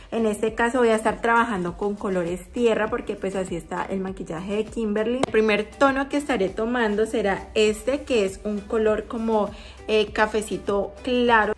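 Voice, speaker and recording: A woman vlogger talking through a makeup tutorial, chatty and explaining each step as she goes. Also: mid-range voice.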